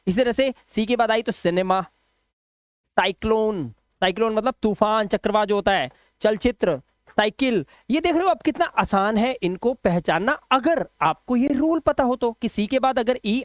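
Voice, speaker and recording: Speaking in a high-pitched voice, a male English teacher delivers a video lesson for students, answering his own questions to the class and prolonging letter sounds when spelling. The recording is clean studio sound with no echo.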